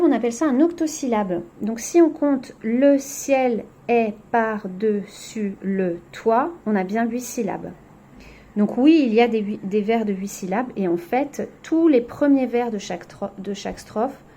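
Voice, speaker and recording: A woman's voice: fairly high pitch, moderate pace, warm tone. A woman teacher going over a poetry exercise in a recorded lesson, explaining step by step with frequent "donc" and "hein".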